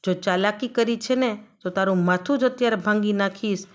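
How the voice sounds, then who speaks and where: A woman voicing a hoarse, greedy man who bullies and threatens a trapped boy. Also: medium pitch, brisk, lightly acted. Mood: threatening. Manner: gruff and bullying. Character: hoarse greedy male railway swindler, threatening.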